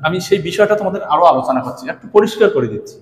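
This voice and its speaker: A man's voice: sits high, expressive, rapid-fire. A man teaching Sanskrit grammar in speech, patiently repeating examples and speaking directly to his students. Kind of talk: classroom grammar lesson. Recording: echoey room with long reverb.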